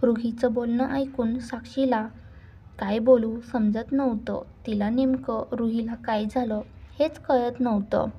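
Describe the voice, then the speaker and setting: A woman narrating a serialized romance story in a calm, measured way. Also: a little high, husky.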